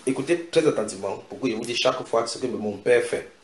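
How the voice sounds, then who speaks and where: A man's voice: medium pitch, fast talker. Guy preaching a sermon, keeps repeating himself for emphasis, mid voice, roomy echo. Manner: animated, repeats phrases for emphasis, breaks into song. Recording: echoey room.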